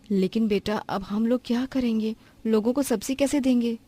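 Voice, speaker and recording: A woman as a gentle, patient cartoon mother. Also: fairly high pitch, normal speed, no echo, lightly acted. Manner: gentle and reassuring. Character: vegetable-seller mother Vaishnavi, gentle and patient. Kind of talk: cartoon voice acting.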